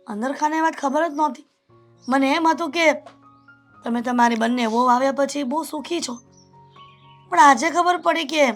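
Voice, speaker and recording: A woman playing a concerned neighbour who speaks earnestly and gently reproaches her friend. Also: high-pitched. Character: concerned neighbour woman visiting an old lady.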